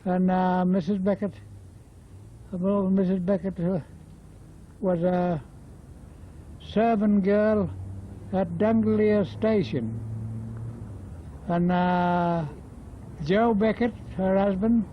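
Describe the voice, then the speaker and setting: A man's voice: high voice, steady tone, takes it slowly, pauses often, a little hiss or hum. An Australian man in his nineties reminiscing in a casual, rambling old man's way, often repeating himself. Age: 90s. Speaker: interviewee, former bush labourer. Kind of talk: casual oral history reminiscence. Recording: dull lo-fi field interview tape.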